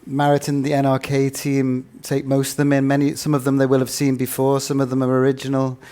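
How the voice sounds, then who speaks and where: A man co-hosting a live podcast event, calmly explaining how they work. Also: medium pitch, brisk. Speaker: podcast co-host.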